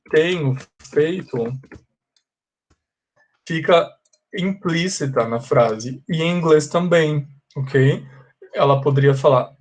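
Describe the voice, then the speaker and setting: A man who speaks Portuguese as his first language teaches English, moving back and forth between Portuguese and English and acting out short sample dialogues. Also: medium pitch. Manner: slow and deliberate when stressing English words. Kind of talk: bilingual classroom explanation.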